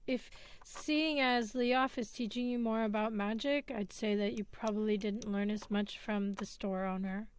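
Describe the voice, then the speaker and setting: A woman narrating as game master of a tabletop game, animated and laughing often. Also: mid-range voice, moderate pace, hardly any pauses, smooth.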